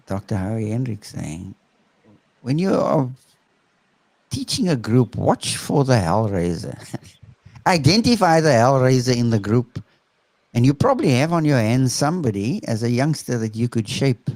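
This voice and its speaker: A man from South Africa speaks as a teacher in a thoughtful, emphatic conversation, his pitch swinging widely as he stresses his points. He keeps checking in with his listener. The sound is dry and close, with no room echo. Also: a little mellow. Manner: emphatic, often checks in with "right?". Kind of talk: reflective conversational talk.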